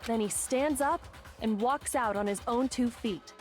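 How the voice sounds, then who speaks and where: Lady as smug composed anime girl detective, highish voice, faint music under it. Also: measured pace, lightly acted. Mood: confident. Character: composed, smug young woman leading a deduction. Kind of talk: anime video game dub acting.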